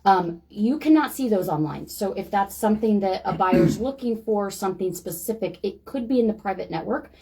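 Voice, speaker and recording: A woman's voice: medium pitch, expressive, normal speed, few pauses, dark tone, breathy edge, low-quality recording. A woman with an American accent co-hosting a show, speaking casually to viewers as a real estate agent. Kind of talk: casual market update to camera.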